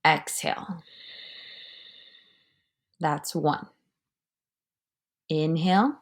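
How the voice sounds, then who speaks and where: A woman guides a breathing meditation in a fairly low voice. She speaks very slowly and calmly, in measured phrases. Her words often soften into a breathy near-whisper. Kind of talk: guided breathing meditation, slow instruction and counting.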